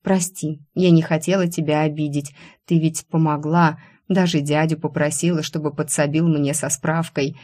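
Female reader as a stubborn young student dancer, wry and pleading, low husky tone. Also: level tone, normal speed, few pauses, a little mellow.

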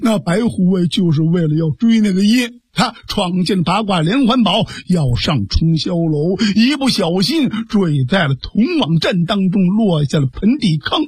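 A man's voice: high-pitched, lively intonation, a little slow, few pauses, a little mellow, husky, no room sound, studio quality, heavily acted. A man playing a sly captured informant who talks glibly and knowingly. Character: Deng Che, sly captured informant eager to talk.

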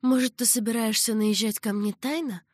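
A woman's voice: a little high, steady tone, moderate pace, no echo, studio quality, lightly acted. A woman voicing a passionate young concubine who pleads emotionally. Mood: coquettish.

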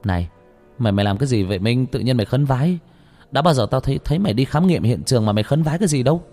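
A man's voice: medium pitch, animated, racing, darkish tone, soft background music, voice pushed up. A man voicing a young police investigator who fires off blunt, puzzled questions at a colleague. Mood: baffled.

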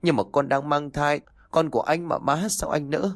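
A man's voice: fairly high pitch, fairly even intonation, normal speed, no room sound, clean studio sound, pitched above the performer's own voice, close to an everyday voice. A man voicing a suffering young pregnant wife in an audio story, with a plaintive, pleading manner.

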